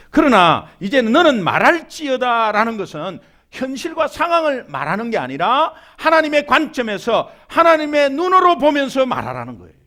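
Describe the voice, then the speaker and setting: Lively high-voiced pastor from Busan. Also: male voice. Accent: Gyeongsang (Busan) Korean. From Busan, South Korea. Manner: animated, humorous, acts out quoted voices. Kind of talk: sermon.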